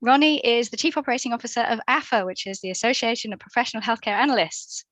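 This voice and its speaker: A woman's voice: on the high side, fast, a bit bright, no room sound, poor audio. A woman hosting a virtual conference over a video call, upbeat and welcoming as she introduces speakers. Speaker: conference host.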